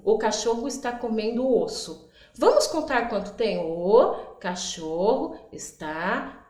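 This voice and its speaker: A woman teacher explaining early literacy activities, sounding out words slowly and acting out her prompts to children. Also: mid-range voice, a little mellow, roomy sound. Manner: stretches out words for demonstration, acts out classroom prompts. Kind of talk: instructional explainer.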